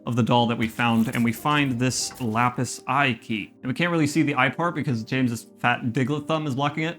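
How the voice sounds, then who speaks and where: A man in an attic narrates a scripted video essay on a game, in a mid-pitched voice with music playing behind him. His delivery is informal, slipping into casual, slangy asides between the prepared lines. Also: a bit bright. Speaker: video game lore commentator. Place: attic room at home. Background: background music.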